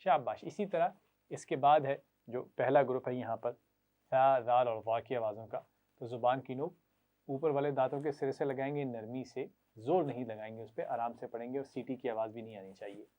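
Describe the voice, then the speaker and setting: A man, teaching children Quran reading, slowly drilling sounds and asking them to repeat after him with praise. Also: mid-range voice. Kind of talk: children's recitation lesson. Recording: tinny phone-like lo-fi audio.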